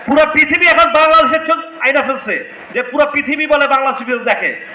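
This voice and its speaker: A man's voice: extremely high pitch, a little fast, sharp tone. A man giving a heated, scolding speech at a press event, repeating phrases for emphasis, recorded on a distant mic in an echoey hall. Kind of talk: impassioned press conference speech.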